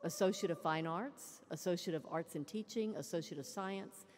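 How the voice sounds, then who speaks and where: With a lowish, darkish voice at a moderate pace, a woman presiding as college president gives a ceremonial, proclaiming commencement speech. She's at a lectern mic in a large arena, and long reverb trails her words.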